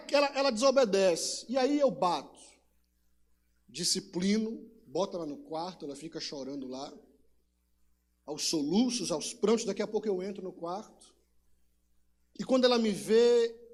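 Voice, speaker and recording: A man with a Brazilian Portuguese accent preaching a sermon, telling personal stories and repeating rhetorical questions with emphasis. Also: sits high. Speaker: pastor.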